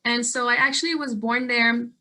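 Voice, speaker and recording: A woman's voice: fairly high pitch, steady tone, normal speed, bright, forceful tone. A young woman from Guatemala, a community organizer, presenting earnestly over a video call with frequent fillers and restarts. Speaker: statewide organizer and guest speaker.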